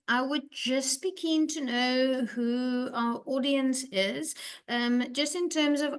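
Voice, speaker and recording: A woman from South Africa hosting an online webinar, chatting with her guest and reading out messages from the chat. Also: a little high. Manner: friendly, reads out chat messages. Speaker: webinar host, company CEO.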